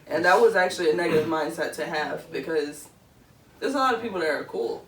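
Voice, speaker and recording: Brisk and expressive, her voice sits low as this twentysomething from Philadelphia rambles through casual podcast chat, full of filler words. She's recorded at a distance in an echoey room, with a little background noise.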